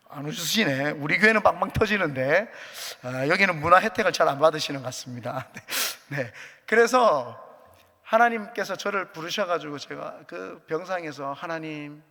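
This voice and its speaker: A man's voice: on the high side, lively intonation, measured pace, vocal fry, bright, forceful tone. A man, a pastor, preaching a sermon as earnest personal testimony with light jokes, in a church sanctuary. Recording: echoey church hall.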